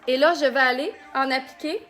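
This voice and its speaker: A woman's voice: sits high, a little fast, fairly bright tone, faint music behind. A woman from Canada with a Quebec French accent, giving a chatty live makeup tutorial and greeting viewers by name. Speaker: makeup consultant. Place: home, under a ring light.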